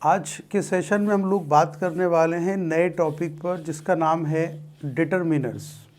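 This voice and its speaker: A man teaching a grammar lesson for exam students, speaking deliberately and quizzing his listeners by repeating key terms as questions. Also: on the high side, darkish tone.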